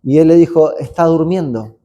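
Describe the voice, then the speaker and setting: A male pastor, preaching in a loose, conversational way. His voice sits a little high for a man but sounds very dark and mellow. He keeps adding asides and checking in with his listeners. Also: normal speed, highs cut off. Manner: conversational, rambling asides, frequent "¿no?" tags; acts out sounds and screams. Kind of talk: sermon.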